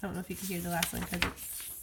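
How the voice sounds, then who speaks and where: A woman's voice: on the low side, completely flat delivery, rapid-fire, heavy background noise. A woman who homeschools, talking casually and rambling as she demonstrates letter sounds in a phonics tutorial recorded at home. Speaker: homeschool teacher.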